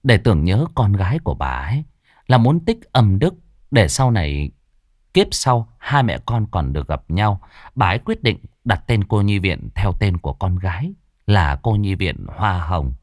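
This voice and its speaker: Man, story narrator, low voice, animated pitch, dry sound. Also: moderate pace, no echo.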